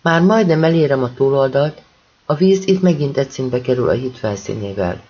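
Husky-voiced man narrating urgently. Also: medium pitch, lively intonation, muffled recording. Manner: urgent, intense storytelling. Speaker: audiobook reader. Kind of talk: first-person audiobook narration.

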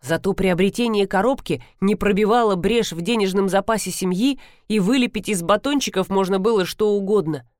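A woman's voice: brisk, hardly any pauses, a little mellow, no room sound. Woman reading a story dry and close. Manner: voices characters with pitch jumps. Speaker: audiobook narrator. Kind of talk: first-person audiobook reading.

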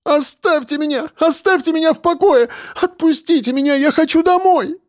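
A man's voice: very high-pitched, lively intonation, moderate pace, a little mellow, no echo, studio quality, pitched above the performer's own voice. A man voicing a frightened young woman held captive, sobbing and pleading. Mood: hysterical.

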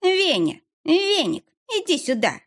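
A woman's voice: fairly high pitch, big pitch swings, pitched above the performer's own voice. A woman reading an audiobook, voicing a hostile, coarse woman of about forty who sneers and draws out her words. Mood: hostile sneering. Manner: snarling, drawn-out sneering. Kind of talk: audiobook character voice.

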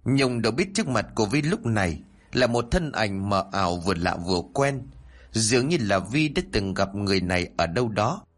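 Husky male storyteller, expressive. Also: fairly low pitch, brisk. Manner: expressive, does all the voices. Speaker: narrator. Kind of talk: scripted horror story narration.

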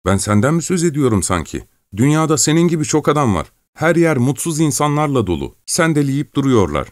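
A man's voice: lowish voice, animated, normal speed, no echo, voice pushed up, close to an everyday voice. A man voicing a timid young peasant lad who pleads in a raised, whiny voice in an audiobook story. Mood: plaintive.

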